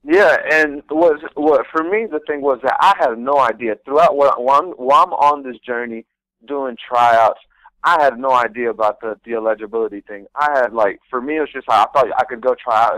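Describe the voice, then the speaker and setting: A man's voice: mid-range voice, brisk, a bit bright, no room sound, low-quality recording. A young man, a guest on a radio talk show, telling his story in an earnest, rambling way, often restarting his sentences. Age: young adult. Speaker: guest, pro soccer rookie. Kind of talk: casual interview storytelling.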